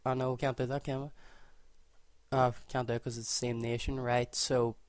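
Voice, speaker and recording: A Northern Irish gaming video creator chats over a football game in relaxed, level commentary with little rise and fall, thinking aloud and restarting and mending sentences as he goes. His mid-range voice is clear and resonant, a little fast, recorded close and dry with no room sound.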